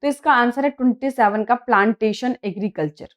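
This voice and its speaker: A woman teacher with a Hindi accent, reading quiz questions slowly in English and explaining the answers in Hindi. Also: on the high side. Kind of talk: exam prep lesson.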